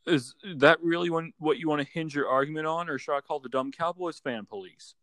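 A man's voice: on the high side, a little fast, a bit bright, no echo, studio quality. A young man in a casual sports voice chat over a phone, giving opinions in a teasing, mock-serious way. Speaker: sports podcast co-host. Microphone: remote voice chat call on a phone.

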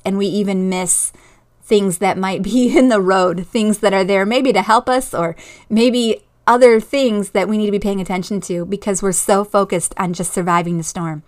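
Earnest woman hosting a faith podcast. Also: medium pitch. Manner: earnest, storytelling, laughs at herself. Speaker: podcast host.

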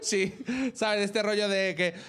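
Wry man with a high voice. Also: level tone, takes it slowly, fairly bright tone, smooth. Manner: wry, self-deprecating, laughs while talking. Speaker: comedian guest. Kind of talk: live comedy show banter. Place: stage with live audience.

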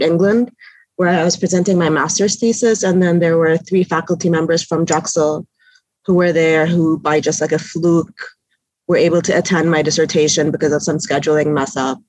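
A woman from Egypt speaking as a podcast guest, telling her story in a measured, matter-of-fact way. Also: fairly low pitch, a little mellow, no room sound, poor audio. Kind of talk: casual chat.

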